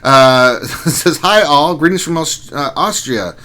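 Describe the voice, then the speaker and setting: A man's voice: on the high side, lively intonation, a little slow, pushed and bright. A man hosting a casual gaming livestream, reading viewer chat aloud and joking with his co-hosts. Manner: reads chat names aloud, joking and teasing. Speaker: livestream host.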